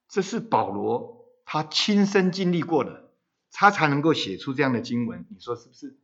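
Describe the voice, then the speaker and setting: A male pastor giving a sermon, asking the congregation rhetorical questions and swelling loud on key phrases, on a handheld microphone. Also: medium pitch, muffled recording. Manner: rhetorical questions to the congregation, dramatic rises in volume.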